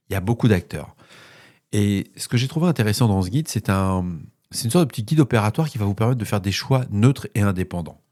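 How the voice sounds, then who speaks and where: A man with a low, mellow voice hosts a cybersecurity news podcast. He reads the bulletins, then drifts into relaxed off-script remarks full of fillers. The recording is dry and close. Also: no echo. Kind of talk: news bulletin with casual asides.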